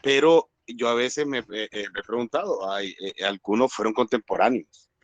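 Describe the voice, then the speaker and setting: A man asking a question in class, hesitant and halting with fillers. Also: mid-range voice, no room sound, dull audio. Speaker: student.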